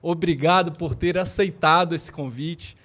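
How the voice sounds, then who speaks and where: Brazilian guy hosting a podcast, higher voice, friendly and keen. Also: a little slow, fairly bright tone. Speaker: podcast host. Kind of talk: casual podcast interview.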